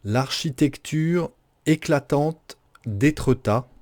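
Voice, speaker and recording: A man's voice: a little high, slow pace, a little mellow. A man dictating as a teacher does, phrase by phrase, carefully articulated, with punctuation spoken aloud and each sentence repeated.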